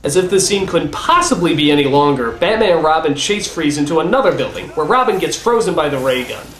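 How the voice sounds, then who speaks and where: A man's voice: fairly high pitch, lively intonation, brisk. A man narrating a comedic film review in a sarcastic, exasperated way. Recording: roomy echo with faint music.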